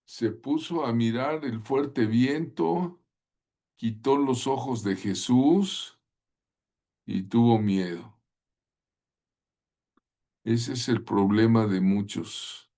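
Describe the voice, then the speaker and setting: A male Bible teacher speaks at an unhurried, deliberate pace with an ordinary mid-range pitch. He tells the stories vividly and keeps turning to his listeners with questions. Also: mellow. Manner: vivid storytelling, asks listeners rhetorical questions. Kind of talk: sermon-style Bible lesson.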